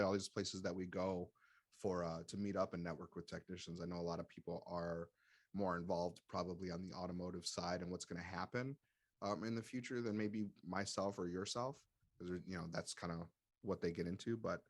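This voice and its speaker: A man's voice: deep voice, steady tone, fairly quick, no room sound, clean studio sound. A man co-hosting a casual business podcast, talking with many hesitations and restarts.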